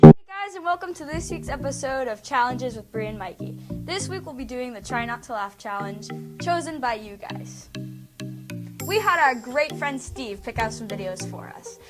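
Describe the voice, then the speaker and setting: A teenage girl hosting a student challenge segment in an upbeat, energetic way. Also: fairly high pitch, moderate pace. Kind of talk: bubbly student video intro. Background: music.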